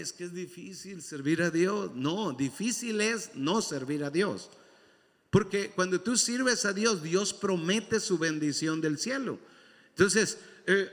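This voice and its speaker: High-pitched preaching man in a reverberant church. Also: fairly bright tone. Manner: preaching with repetition and call-and-response to the congregation. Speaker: pastor. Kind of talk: sermon. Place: church sanctuary. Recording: long hall reverb in a church.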